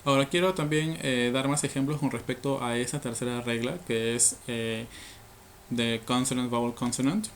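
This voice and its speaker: A man's voice: mid-range voice, steady tone, moderate pace, a little hiss or hum. A man teaching English grammar to learners, explaining rules patiently step by step, with frequent fillers and tag questions.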